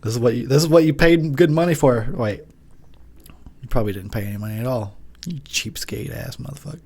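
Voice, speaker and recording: A man's voice: medium pitch, fairly quick, a little mellow. A drunk man hosting a podcast, rambling through profane movie commentary into a pop-filtered mic and laughing at his own jokes.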